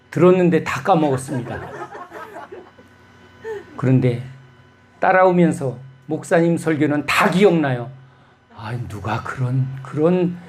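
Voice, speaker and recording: A man's voice: on the high side, a little mellow. A man preaching a sermon as pastor, telling stories and putting rhetorical questions to his congregation.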